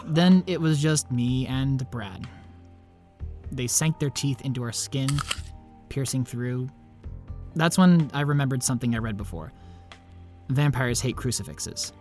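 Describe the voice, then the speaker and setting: A man's voice: mid-range voice, measured pace, pauses often, music in the background, lightly acted. A man playing an awkward, lovelorn young vampire who narrates in a self-deprecating, confiding way. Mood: wry, ominous. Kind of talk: scripted first-person narration and dialogue.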